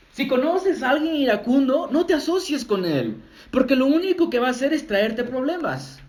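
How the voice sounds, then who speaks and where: High-voiced man preaching emphatically. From Peru. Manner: emphatic preaching with repeated address to the brethren; acts out quoted excuses in a raised voice. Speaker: pastor. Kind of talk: expository sermon.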